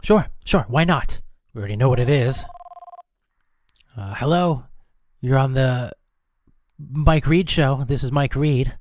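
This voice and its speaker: A man's voice: mid-range voice, a little slow, pauses often, a little mellow, no room sound. A man hosting a comedy radio sketch, exasperated and sarcastic with the callers. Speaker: radio host.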